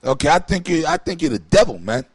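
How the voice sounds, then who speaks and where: A man's voice: on the high side, very animated, fast talker, breathy edge, dry recording. Confrontational preachy man, dry close sound. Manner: confrontational, preachy and slangy, with repeated 'man' asides. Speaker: co-host. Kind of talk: heated religious commentary.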